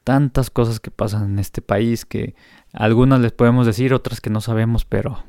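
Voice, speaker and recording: A man's voice: medium pitch, steady tone, normal speed, mellow, no echo, studio quality. A Mexican man hosting a casual comic news show, chatty and hesitant with frequent fillers.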